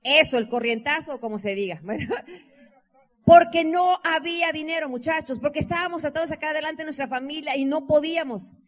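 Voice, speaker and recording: A Mexican woman with a Mexican accent, telling her life story to an audience in an animated way, acting out dialogue and often saying "o sea". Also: high voice, brisk. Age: 20s. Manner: expressive, acts out dialogue, laughs, uses "o sea" and "¿no?" a lot.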